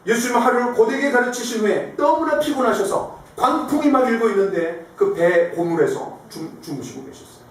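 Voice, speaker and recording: A man preaching a sermon as pastor, telling stories animatedly and asking the congregation questions. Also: high-pitched. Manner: animated storytelling, acting out quoted lines. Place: church sanctuary. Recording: echoey hall, distant mic, faint noise.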